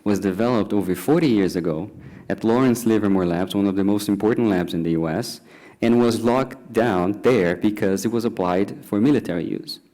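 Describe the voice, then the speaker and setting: A man talks through his points at a panel discussion, often pausing on fillers and restarting phrases. His voice sits low and sounds warm and mellow. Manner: hesitant, many fillers and restarts.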